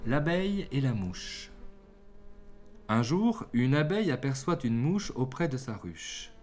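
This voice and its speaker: A man reading old fables aloud in a measured storytelling voice. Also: mid-range voice, very animated, a little mellow, a little hiss or hum. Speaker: reader.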